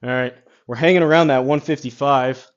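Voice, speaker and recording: A man giving casual golf simulator commentary, rambling as he thinks out loud. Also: medium pitch, fairly even intonation, brisk, clear, resonant tone, dull audio.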